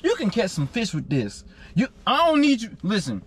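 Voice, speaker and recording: A man's voice: high voice, huge pitch swings, moderate pace, breathy edge. A young man, mocking and exasperated in a prank vlog. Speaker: vlogger, prank target. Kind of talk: exasperated banter.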